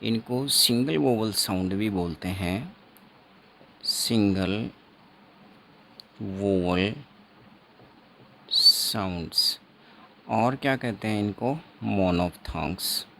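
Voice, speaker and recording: A man teaching an exam-prep phonetics lesson, explaining slowly and repeating himself, writing on a board as he talks, with Indian English words. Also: on the low side, vocal fry, fairly bright tone, slight background noise. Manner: slow, repetitive teaching with frequent checks; writes on a board while talking.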